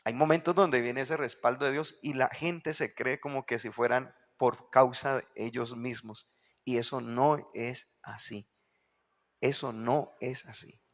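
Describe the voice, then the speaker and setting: A man's voice: medium pitch, in a large hall. A male pastor preaching a sermon, peppering it with rhetorical questions to the congregation and repeating key phrases for emphasis.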